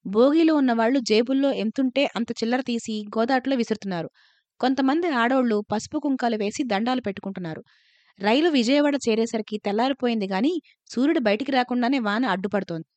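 A woman reading a first-person story aloud in a calm, measured narration. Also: on the high side, no echo.

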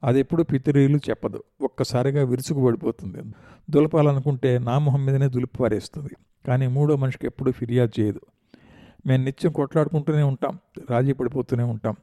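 A man's voice: mid-range voice, steady tone, a little fast, mellow, dry recording, clean studio sound, lightly acted. A man voicing a proud, lordly elder brother who speaks heartily and with self-assurance in a story reading. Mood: hearty. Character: loud, lordly older brother, proud and blunt.

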